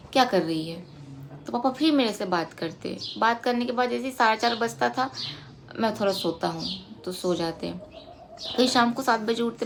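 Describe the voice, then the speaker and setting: A woman's voice: medium pitch, creaky, a little hiss or hum. A woman in her thirties talking casually and emotionally as she recounts a family story in a personal vlog. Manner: emotional, conversational, recounting in detail. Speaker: vlogger.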